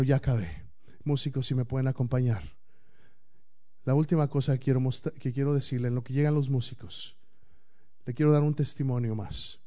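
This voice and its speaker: A man preaching a sermon as pastor, swinging between loud declaiming and hushed, intimate passages. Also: mid-range voice, highs cut off.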